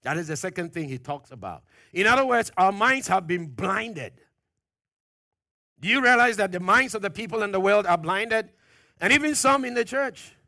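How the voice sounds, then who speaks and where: A pastor preaches a sermon, pressing his points with questions to the congregation; he's expressive and speaks at normal speed. His voice swells loud at the peaks and drops low and quiet at phrase ends. The studio-quality recording has no echo.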